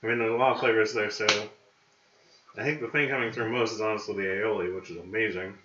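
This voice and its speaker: A man gives a relaxed, appreciative opinion of the food in casual chat. His low voice has a bright edge. He sounds distant from the mic, in an echoey, muffled room with a faint hiss. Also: fast talker. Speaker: taste tester.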